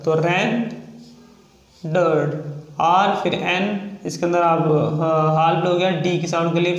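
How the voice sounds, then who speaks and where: A male shorthand teacher with a Hindi accent, explaining rules slowly and drawing out each example word. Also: high-pitched, reverberant, rough recording. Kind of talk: slow explanatory lesson.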